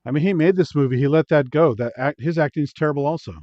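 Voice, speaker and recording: A man's voice: on the high side, fast, dark tone, no room sound. A man giving casual, critical film commentary as co-host of a watch-along, bluntly saying what he dislikes. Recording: dull lo-fi audio.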